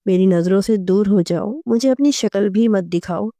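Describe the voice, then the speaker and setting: A woman's voice: medium pitch, dark tone, no room sound, natural voice. A woman voicing a cruel, hot-tempered young husband who scolds harshly, in a dry audio story. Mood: furious.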